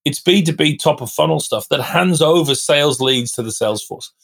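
A man's voice: a little high, a little fast, vocal fry, a bit bright. A middle-aged man talking as a podcast guest, blunt and fired-up, swearing freely as he makes his points. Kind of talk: candid interview talk.

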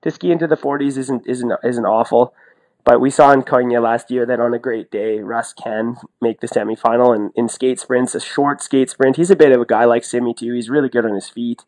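In a rough recording, a man with a steady, medium-pitched, darkish voice talks a little fast. An ex-athlete working as a sports commentator and podcast co-host, he chats in a loose, colloquial way, repeating points to drive them home.

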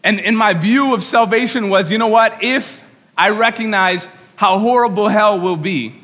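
A man preaching earnestly and excitedly to a congregation, often repeating and rephrasing himself. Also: high voice, normal speed. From New York. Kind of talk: sermon to a congregation. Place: large room, speaking to an audience. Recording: reverberant hall sound.

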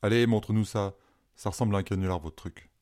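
A man voicing an excitable boy cousin who laughs and mocks. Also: on the low side, fast talker, close to an everyday voice. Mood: doubtful. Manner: mocking, laughing.

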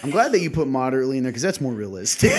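A young man co-hosts a chatty podcast. His voice sits a little high and swings widely in pitch. He teases his friend and laughs easily. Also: slight background noise. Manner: animated, laughing, teasing. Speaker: podcast co-host. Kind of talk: casual chat.

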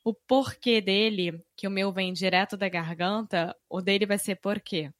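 A woman's voice: medium pitch, fairly even intonation, normal speed, no echo. Carioca Brazilian woman explaining pronunciation, close dry sound. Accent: Carioca (Rio de Janeiro) Brazilian. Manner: demonstrates pronunciation with example words. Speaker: Portuguese teacher. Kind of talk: casual explanatory chat.

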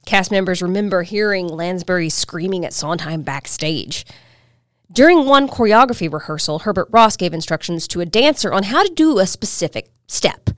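A woman's voice: fairly low pitch, expressive, normal speed, no room sound, studio quality. A woman hosting a history podcast, reading scripted narration in a dramatic storytelling manner. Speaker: podcast host.

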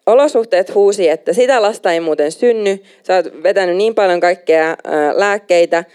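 A young adult woman preaching a sermon, emphatic and animated, slipping in English phrases now and then. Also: lowish voice, smooth.

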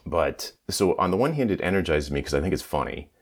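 A man with a very low voice talks as a podcast host in a loose, conversational way. He slips into quoted remarks as he explains. The sound is tinny, like a tin can phone, from a poor microphone. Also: expressive, a little fast. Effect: tinny tin-can sound from wrong microphone. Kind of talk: casual conversational podcast talk.

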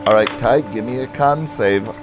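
A man narrating as game master, calmly describing scenes and calling for dice rolls. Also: mid-range voice. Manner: calm, descriptive scene-setting with soft pauses. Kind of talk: narrating a tabletop game over music. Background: loud background music.

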